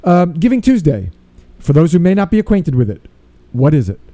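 Mellow-toned man hosting a podcast. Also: on the high side, very animated. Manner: brisk, with short acknowledgements. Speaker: podcast host. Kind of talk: interview. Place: studio.

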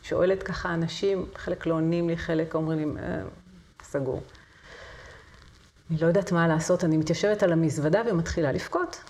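A woman's voice: on the low side, fairly even intonation, few pauses, a little mellow. A middle-aged woman, a singer and voice teacher, telling her story as an interview guest, vivid and with hesitant fillers. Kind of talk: conversational interview.

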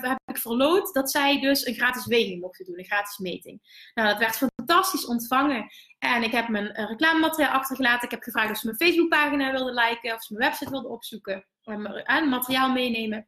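High-voiced Dutch woman telling stories. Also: echoey room. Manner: candid, animated storytelling with swearing. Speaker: business coach and host. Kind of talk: live stream storytelling to viewers.

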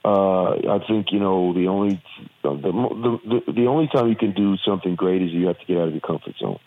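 A Southern-accented actor and former football player from Virginia gives earnest, reflective interview answers packed with fillers. His voice sits low and he talks briskly, over a tinny, phone-like line.

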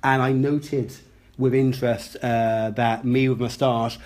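A man's voice: mid-range voice, level tone, unhurried, a little mellow. A man hosting a podcast live in a venue room, dry and self-deprecating, talking with many fillers. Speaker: podcast host. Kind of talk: live podcast chat before an audience.

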